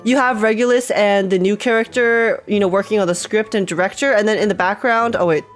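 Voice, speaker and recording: A woman streamer chats excitedly at her desk mic, repeating herself and breaking into frequent laughs. Her voice sits mid-range and sounds a bit stuffy, since she has just woken up. Faint game music plays underneath. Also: medium pitch, fairly quick. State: stuffy nose, just woke up. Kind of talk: casual live-stream reaction chat. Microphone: desk microphone with webcam.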